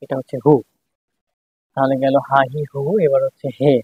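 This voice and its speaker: Guy teaching kana, says each sound over and over, kinda husky, monotone, thin phone-ish audio. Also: mid-range voice, moderate pace, dry recording. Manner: patient, repeats each syllable several times. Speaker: Japanese language teacher. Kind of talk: step-by-step writing lesson. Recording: dry, phone-like tinny sound.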